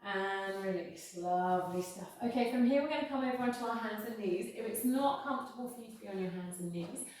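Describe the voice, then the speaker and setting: A woman teaching a yoga class, guiding each step in a careful, unhurried, reassuring way. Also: fairly high pitch, a little mellow. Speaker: yoga instructor. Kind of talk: guided yoga class instruction. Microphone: worn mic near the face. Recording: very echoey room, distant-sounding.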